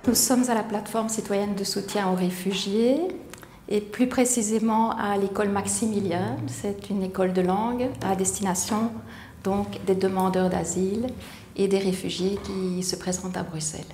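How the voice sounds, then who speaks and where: A woman who organizes a volunteer language school, explaining its work in a clear, composed way. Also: medium pitch, fairly even intonation, normal speed, dark tone, slight background noise. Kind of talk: explanatory interview. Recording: roomy echo.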